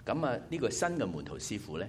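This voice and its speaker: A man's voice: fairly low pitch, huge pitch swings, fast talker, a little hiss or hum. A man preaching a sermon to a church gathering, explaining his points step by step with worked-out numbers.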